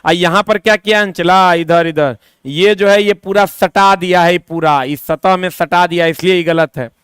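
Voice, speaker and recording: A high-pitched man coaches students through an exam-prep lesson. He talks in a chatty, repetitive way and throws in quick asides. His voice comes across smooth and clear, recorded dry and close. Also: fairly even intonation, fairly bright tone, dry recording. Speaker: teacher.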